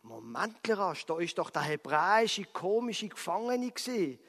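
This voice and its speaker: A man's voice: high-pitched, sing-song, normal speed, a bit bright, heavily acted. A man voicing a royal cupbearer who talks in an offhand, chatty way, in a reverberant hall. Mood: musing. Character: male royal cupbearer recalling a prisoner.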